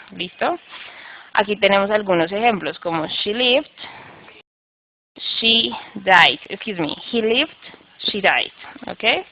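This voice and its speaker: Bright-voiced Spanish-speaking woman teaching English. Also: a little high, low-quality recording. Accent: Colombian Spanish. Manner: explains step by step, checks in with "¿sí?" and "¿listo?". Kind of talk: online English grammar lesson.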